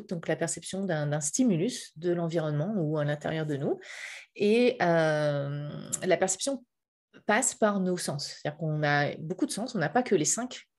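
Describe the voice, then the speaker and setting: A woman's voice: on the low side, darkish tone. A middle-aged woman from Paris giving a public talk over a video call from a hotel room, hesitant and full of fillers and restarts. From Paris, France. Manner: hesitant, many fillers and restarts, light laughs. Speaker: guest speaker on game user experience.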